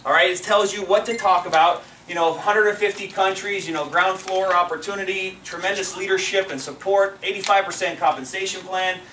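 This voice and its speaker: Speaking fairly quickly with few pauses, a male team trainer delivers a rambling, filler-filled training talk in a meeting room, often seeking the audience's agreement. His high voice is steady in tone, pushed and bright, and the mic sits far away, giving a roomy sound with faint noise.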